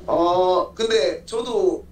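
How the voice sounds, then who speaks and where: Young male fighter, interviewee. High voice, polite and halting, repeats himself. Echoey, distant phone audio. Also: darkish tone. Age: young adult. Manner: polite, halting, often repeats his own phrases. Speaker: MMA fighter being interviewed. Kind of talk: casual remote interview answers. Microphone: phone at arm's length, video call. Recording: echoey room, far-off mic, faint noise.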